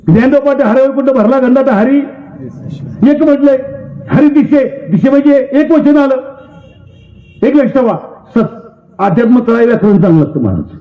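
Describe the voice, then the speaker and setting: A man's voice: animated, normal speed, pauses often. A man preaching a devotional sermon, emphatic and insistent, with rising and falling intensity. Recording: roomy, dull low-fidelity sound.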